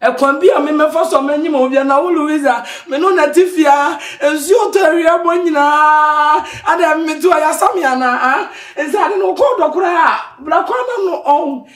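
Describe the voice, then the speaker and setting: A man's voice: very high voice, moderate pace, few pauses, roomy sound. A man playing a jumpy Ghanaian house servant. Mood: ranting. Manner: excitable, pleading, rambling in pidgin and Twi. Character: jumpy comic male servant pleading with his boss. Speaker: house help. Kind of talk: comic drama acting.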